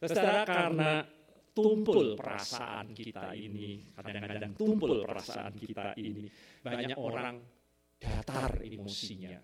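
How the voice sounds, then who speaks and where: Animated male preacher, lively pitch. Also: measured pace. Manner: rhetorical questions to the congregation with frequent "ya"; animated, sudden loud emphatic rises. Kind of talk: sermon.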